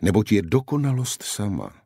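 A man voicing a grave, joking lord in an audiobook, with a deep voice. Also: big pitch swings, mellow, husky, no echo, studio quality, heavily acted. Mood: courteous. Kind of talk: audiobook character voice.

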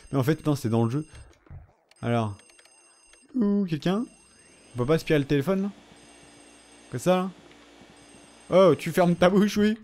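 A man's voice: a little high, animated, measured pace, long pauses, a little mellow. A young man giving casual gameplay commentary, chatting to the characters on screen and swearing in jest. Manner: chatty, talks back to game characters, swears jokingly. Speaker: let's play gamer.

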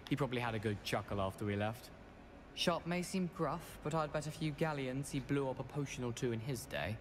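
Brief: man as a young wizard schoolboy, game dialogue, friendly, upbeat, even pitch. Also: fairly quick, a little hiss or hum, natural voice. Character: cheerful young male wizard student.

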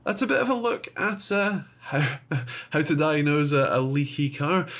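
A man's voice: a little high, lively intonation, unhurried, a bit bright. Man with a cold and a nasal voice. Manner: hesitant, frequent "uh" fillers and restarts. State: has a cold. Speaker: car channel host. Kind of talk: casual how-to explainer.

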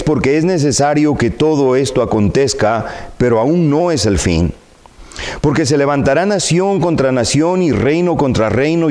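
Slow, measured male pastor preaching. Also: mid-range voice, a little mellow. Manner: slow, measured preaching with scripture reading and prayer. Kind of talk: sermon. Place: church sanctuary indoors. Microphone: lapel mic.

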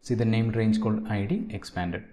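Low, mellow man dictating tutorial steps. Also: fairly even intonation, normal speed. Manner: dictating steps in short, separated phrases. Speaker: software tutorial presenter. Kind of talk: step-by-step screen tutorial narration. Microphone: voice-over on a screen recording. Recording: noisy, with keyboard and mouse clicks.

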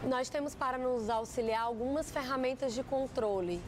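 A woman's voice: high voice, moderate pace, noisy background. A young woman in a restaurant dining room explaining, in an organized way, how her team gathers and discusses feedback. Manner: clear, organized, listing points. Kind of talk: interview answer. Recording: music bed under the voice.

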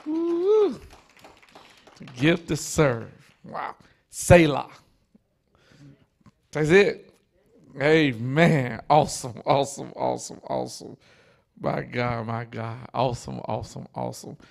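A man leading praise and giving announcements in a church service, full of excited, repeated exclamations. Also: medium pitch, unhurried, vocal fry. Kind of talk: exuberant church service talk. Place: church sanctuary, streamed online.

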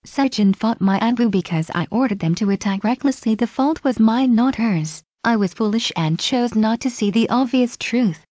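A woman's voice: on the high side, moderate pace, hardly any pauses, warm tone, no room sound, lightly acted. A woman voicing a weary old male village leader who speaks curtly and commandingly. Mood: stern. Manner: curt, commanding.

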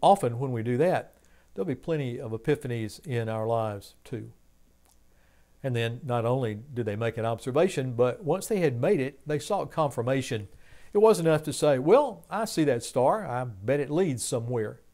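An older man preaching a sermon from a home study, speaking in a measured, earnest way with rising emphasis on key points. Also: mid-range voice, animated, mellow. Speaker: pastor. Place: home study with bookshelves, indoors.

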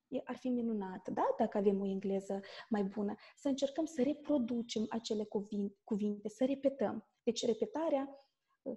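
Mellow-voiced Moldovan woman explaining patiently. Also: fairly high pitch. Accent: Moldovan Romanian. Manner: keeps checking in with a quick "da?". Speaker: English teacher, guest. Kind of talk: explanatory interview talk.

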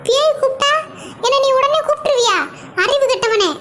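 A woman voicing a bossy, sharp-tongued wife in a cartoon who scolds and nags her husband. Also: extremely high pitch, fairly quick, a little hiss or hum. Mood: scolding. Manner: scolding, nagging.

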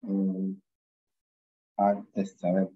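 Man, low husky voice, very slow, hesitant student, dull dry recording. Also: completely flat delivery. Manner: hesitant, with many fillers.

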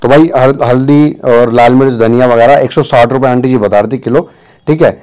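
A man's voice: mid-range voice, a little fast, a little mellow. A young man vlogging casually from an outdoor market, chatting and repeating himself as he walks through. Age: young adult. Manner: chatty, repetitive, keeps saying "bhai" and "theek hai". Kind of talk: casual market walkthrough vlog. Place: outdoor open-air market.

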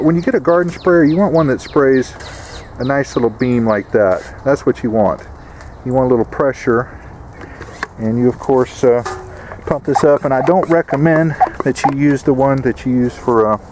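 A man's voice: mid-range voice, slight background noise. A man giving a plain-spoken, folksy how-to demonstration outdoors, repeating his warnings. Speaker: DIY home repair instructor. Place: outdoors beside an air conditioner unit.

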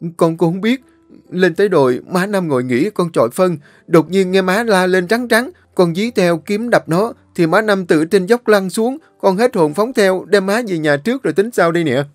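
A man's voice: medium pitch, moderate pace, few pauses, darkish tone, no echo, faint music behind, natural voice. A man voicing a scheming man who sweet-talks his mother-in-law. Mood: frantic. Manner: sweet-talking, snapping when crossed.

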